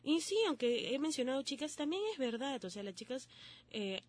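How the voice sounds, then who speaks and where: Lively young Peruvian woman giving advice. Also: high voice, normal speed. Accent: Peruvian Spanish. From Peru. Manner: lively, full of rhetorical questions and local slang. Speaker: relationship advice vlogger. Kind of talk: casual advice talk to viewers.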